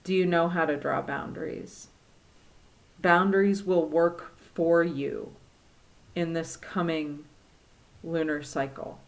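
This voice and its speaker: A woman with a Midwestern accent talks through a divination reading at a slow, leisurely pace. Her voice sits on the lower side, and she muses aloud with frequent pauses and fillers. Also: steady tone. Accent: Midwestern American. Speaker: tarot reader.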